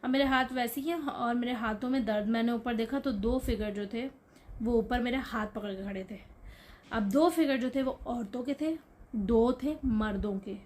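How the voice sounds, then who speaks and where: A young woman with a fairly high voice recounts a frightening night in a casual, conversational vlog. She explains things as if gesturing to the viewer, checking in with little asides, and her voice rises sharply when she relives the fear. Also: moderate pace, a little mellow. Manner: explains with gestures, frequent "theek hai" check-ins. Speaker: vlogger telling her own horror story.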